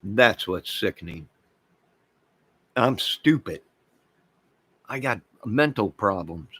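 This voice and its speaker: With a lowish, pushed and bright voice and lively intonation, an American man speaks slowly while ranting to his channel's viewers. His opinionated delivery is emphatic, full of repeated phrases and sarcastic mockery of opposing views.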